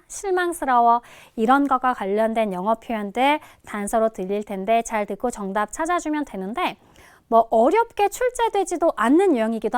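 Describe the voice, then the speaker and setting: A woman teaching English listening in a recorded lecture, addressing students casually and modelling each word's pronunciation slowly. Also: fairly high pitch, clear, resonant tone, no echo, studio quality.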